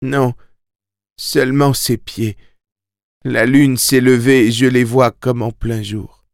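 A man voicing a frightened young boy who haltingly recalls a horror while in a trance, in an audiobook. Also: medium pitch, little pitch movement, creaky, no echo, studio quality, pitched above the performer's own voice. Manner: halting, fearful, speaking in the present tense. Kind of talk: audiobook character voice.

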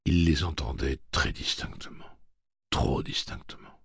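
A man narrating an audiobook with expressive, tense storytelling on a close studio mic. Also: very deep voice, a little slow, gravelly, breathy edge, no echo. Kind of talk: scripted narration.

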